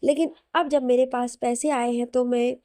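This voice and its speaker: A woman voicing a gentle, loving older brother who speaks fondly. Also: a little high, steady tone, normal speed, dry recording, studio quality, lightly acted. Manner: gentle, fond.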